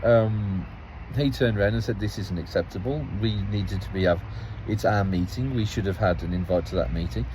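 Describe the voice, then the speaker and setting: A man's voice: lowish voice, normal speed, hardly any pauses, noisy background. Rambling male councillor outdoors. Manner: rambling, repeats and restarts phrases. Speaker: local parish councillor. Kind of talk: casual spoken account.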